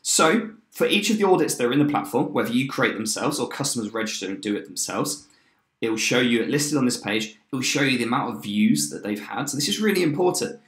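A man in his thirties giving an upbeat, chatty screen-share walkthrough of a software tool, with fillers and quick restarts. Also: medium pitch, big pitch swings. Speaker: software demo presenter. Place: indoor room, webcam in corner of screen share. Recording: roomy echo.

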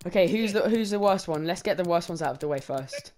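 Lively man bantering over packs. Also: high voice, fast. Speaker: gaming channel co-host. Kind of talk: casual pack-opening commentary.

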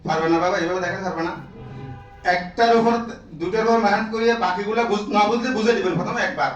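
A high-voiced man gives a classroom lecture to teachers and keeps firing questions at the room to make them answer. The sound is roomy and echoing, picked up from a mic some distance away. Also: fast, muffled recording. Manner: drills the room with repeated questions, prods listeners. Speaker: teacher trainer.

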